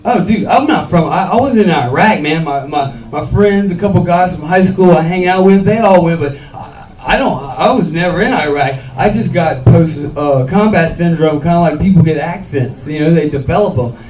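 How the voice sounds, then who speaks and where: A man's voice: on the high side, moderate pace, hardly any pauses, background noise, lightly acted. A man voicing an apologetic young man who stammers and keeps saying sorry, in a stand-up bit. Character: rambling apologetic young man faking a war disorder. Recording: echoey club, mic from far off.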